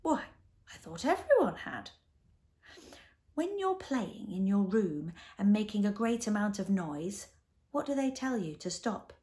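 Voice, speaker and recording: A woman voicing a pompous, blustering middle-aged male doctor in a storybook reading, declaiming slowly. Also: mid-range voice, sing-song, mellow. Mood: lecturing.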